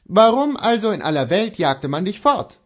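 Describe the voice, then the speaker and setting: A stern, probing male horse dealer presses his servant for answers in a storybook reading, voiced by a man. His voice sits above the narration, firm and lively in pitch. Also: moderate pace. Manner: questioning, firm, raised pitch.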